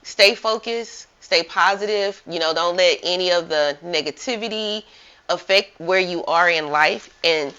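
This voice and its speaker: A woman with a fairly low, clear, resonant voice hosts a casual interview at a measured pace, her tone pushed and bright. She's upbeat and encouraging and says "like" a lot. The audio is muffled and lo-fi.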